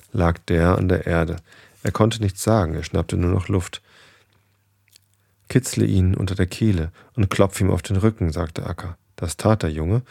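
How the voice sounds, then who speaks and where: A man with a very low, gravelly voice reads a children's book aloud at an easy pace. His tone is dark and a little husky, and he trips over words and corrects himself as he goes. The close microphone leaves the sound dry. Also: no room sound. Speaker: reader. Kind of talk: reading a children's book aloud with casual asides. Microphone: desk microphone.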